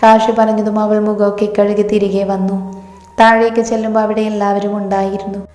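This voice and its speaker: A woman reading a love story aloud as its narrator, steady and unhurried. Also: mid-range voice. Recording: echoey room with long reverb.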